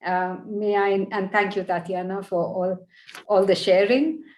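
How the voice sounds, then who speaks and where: Lady panel moderator, polite and formal, mid pitch, echoey room. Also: flat delivery, measured pace, darkish tone, slight background noise. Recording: echoey room on video call.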